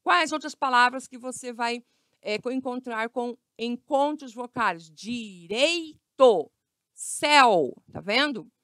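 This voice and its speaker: A woman teacher with a Brazilian Portuguese accent gives a grammar lesson to children in a slightly high, sharp voice with no room sound. She speaks slowly, stretching out words and checking in with her class often.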